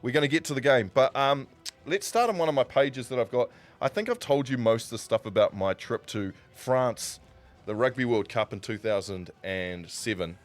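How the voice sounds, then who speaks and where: Faint music plays behind a mid-range male voice at normal speed as a New Zealand streamer in his forties tells stories live. He rambles conversationally and corrects himself along the way.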